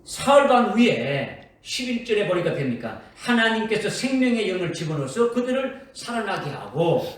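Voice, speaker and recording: High, lively preacher in an echoey church. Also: male voice. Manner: questions the congregation and keeps checking with "right?". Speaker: pastor. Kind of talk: sermon. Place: church sanctuary. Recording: echoey, from far off in a church hall.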